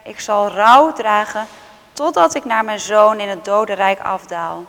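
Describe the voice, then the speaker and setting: A woman reading a Bible story aloud, voicing a grief-stricken old father who laments loudly and slowly. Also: mid-range voice, gravelly. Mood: mournful. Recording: long hall reverb.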